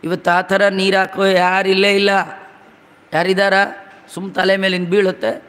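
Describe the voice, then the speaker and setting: A man giving a religious discourse, chanting verses slowly, then explaining them in brisk conversational asides. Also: high voice, monotone, a bit bright. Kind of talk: Kannada religious discourse with Sanskrit verse recitation. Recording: long hall reverb.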